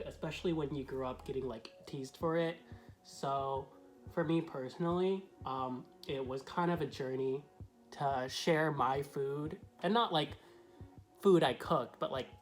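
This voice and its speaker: A man who is a drag queen vlogger, talking through a tutorial to camera in a chatty, meandering, explanatory way. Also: on the high side. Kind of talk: casual tutorial talk to camera.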